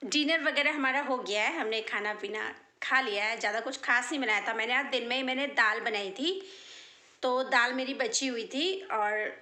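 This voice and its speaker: A woman's voice: fairly high pitch, moderate pace, sharp tone, reverberant. A woman in her thirties chatting to her viewers in a casual daily vlog, heartfelt and direct. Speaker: vlogger.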